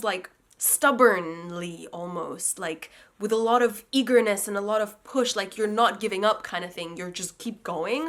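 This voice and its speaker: With a slightly high, fairly bright voice, this young woman picks apart song lyrics as a language-learning host. She is a native Russian speaker approaching them as a learner. Chatty in manner, she reasons out loud while translating and fixes her own mistakes as she goes.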